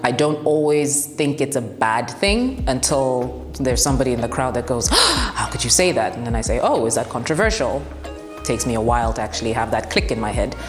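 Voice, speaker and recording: A young woman who works as a broadcast journalist and TV presenter answers interview questions bluntly and laughs often, in a relaxed, frank way. Her commanding voice is very deep, very animated, and fairly quick, and the room is echoey with long reverb and faint music.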